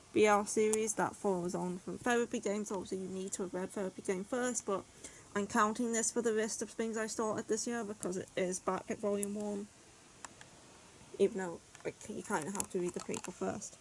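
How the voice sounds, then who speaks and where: Casual reviewer, woman, chatty and rambling, mid-pitched, faint hiss behind. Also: fairly even intonation, moderate pace, low-quality recording. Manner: chatty, rambling, frequent "like" and "yeah". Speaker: manga reviewer.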